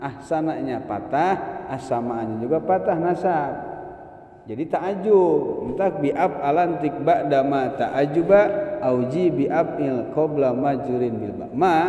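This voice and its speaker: Man, religious teacher, lively lesson with chanted Arabic, roomy long reverb. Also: on the high side. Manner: animated, chants Arabic verses, mixes in Sundanese slang. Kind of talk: kitab study lesson. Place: mosque hall. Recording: echoey hall reverb.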